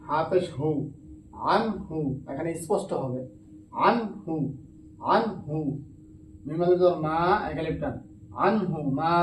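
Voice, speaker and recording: A fairly high-voiced man with a Bangladeshi Bengali accent leads a Quran reading lesson, spelling out each letter and vowel mark in a slow, sing-song drawl. He sounds set back from the mic in an echoey madrasa classroom, with faint ambience underneath. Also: distant mic, slight background noise. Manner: slow, drawn-out spelling of letters and vowel marks, melodic recitation.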